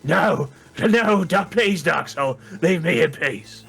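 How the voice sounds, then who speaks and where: A man's voice: fairly high pitch, sing-song, slow pace, bright, forceful tone, breathy edge, soft background music, full character voice. A man doing a cowardly pleading villain.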